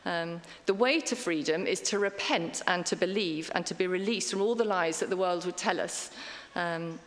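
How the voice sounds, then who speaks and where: In a church hall with lingering reverb, a middle-aged preacher delivers a conversational sermon at a moderate pace. Her lowish voice carries a chatty, self-mocking tone, peppered with ums and side remarks.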